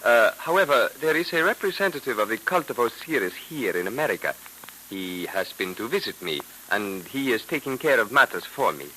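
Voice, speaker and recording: An actor in old radio drama style playing a courteous, resigned Egyptian cult captive with formal, deliberate phrasing. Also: male voice, mid-range voice, sing-song, sharp tone. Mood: earnest. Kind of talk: 1940s radio drama acting. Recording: noisy vintage radio recording.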